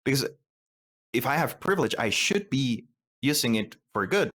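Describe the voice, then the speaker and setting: A man's voice: mid-range voice, sing-song, moderate pace, fairly bright tone. A man from Rica, co-hosting a podcast and talking thoughtfully, often stumbling and restarting as he searches for words. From Costa Rica. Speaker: co-host. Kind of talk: podcast discussion.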